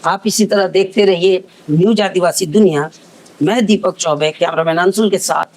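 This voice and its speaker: A man working as a news reporter, interviewing and then closing with measured rhetorical questions. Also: high-pitched, a little mellow, poor audio.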